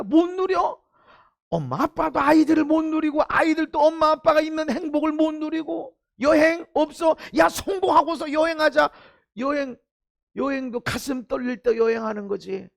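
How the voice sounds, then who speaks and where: A man preaching a sermon as pastor, swinging from loud exhortation to hushed low asides and giving blunt, informal commands to the congregation. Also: normal speed, creaky. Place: church sanctuary.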